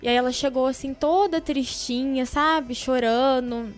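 Bright-voiced young woman telling a story. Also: high-pitched, measured pace, faint music behind. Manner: animated, emotional storyteller who acts out quoted voices. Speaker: podcast guest. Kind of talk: casual podcast storytelling.

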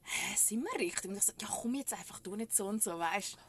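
A woman with a Swiss German accent, co-hosting a podcast and telling a story in casual chat, animated and often laughing. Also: mid-range voice, fast talker, slight background noise. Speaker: podcast co-host.

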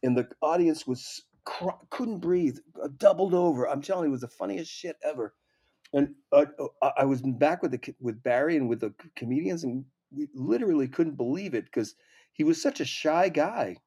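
A man's voice: fairly high pitch, expressive, normal speed, warm tone, husky. A man, a comedy writer, guesting on an interview show and telling rambling, profane stories full of restarts. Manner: rambling, swears often, many restarts. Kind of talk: casual anecdote telling.

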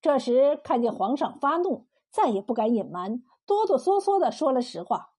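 A woman narrating a historical tale in a steady storytelling manner. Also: high-pitched, normal speed, breathy edge.

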